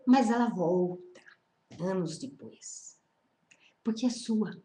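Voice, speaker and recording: A woman's voice: medium pitch, takes it slowly, dark tone. A woman leading a spiritual study group, talking informally and repeating phrases as she checks in with her listeners. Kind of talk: informal spiritual teaching talk. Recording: roomy echo.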